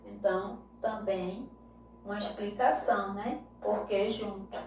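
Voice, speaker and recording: A woman's voice: mid-range voice, steady tone, measured pace, darkish tone. A Brazilian woman teaching a remote grammar lesson to children, explaining patiently step by step and checking in with tag questions. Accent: Brazilian Portuguese. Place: home room. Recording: echoey room, voice distant from mic, faint hiss.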